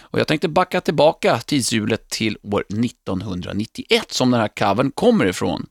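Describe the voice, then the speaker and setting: A man's voice: mid-range voice, big pitch swings, gravelly, no room sound, clean studio sound. A man co-hosting a casual music podcast chat, talking enthusiastically and laughing as he tells stories. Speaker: podcast co-host.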